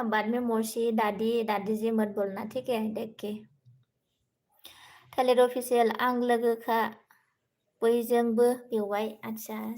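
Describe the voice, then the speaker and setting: Young woman, live-stream host, slightly high voice, soft-spoken, reads viewer comments, switches languages. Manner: speaking softly, says she cannot talk louder.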